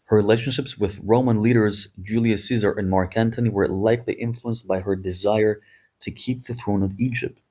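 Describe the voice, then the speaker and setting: A man hosts a history podcast in a loose, conversational manner, drifting into asides and dry jokes. His voice sits low and is a little husky, with a dark, mellow tone. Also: steady tone, moderate pace. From Greece. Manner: chatty, digressive, wry asides. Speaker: podcast host. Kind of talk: casual history podcast talk.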